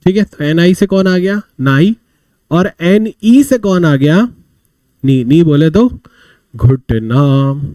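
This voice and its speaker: A man's voice: high-pitched, lively intonation, takes it slowly, dark tone, no echo. A man teaching a vocabulary class, telling little stories to explain words and asking and answering his own questions. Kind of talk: live online vocabulary class.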